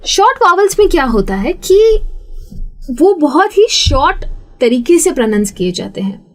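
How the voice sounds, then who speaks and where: A woman teaching a spoken English lesson, explaining rules patiently and demonstrating words slowly. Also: sits high, big pitch swings.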